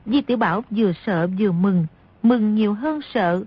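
A woman reading a martial-arts novel aloud as an audiobook narrator, in a steady, measured way. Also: mid-range voice, breathy edge. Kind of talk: scripted storybook narration. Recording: dry, dull lo-fi audio.

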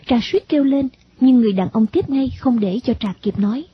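A woman narrating a story in an even, expressive reading. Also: on the high side, fairly quick, slight background noise. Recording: dull lo-fi recording.

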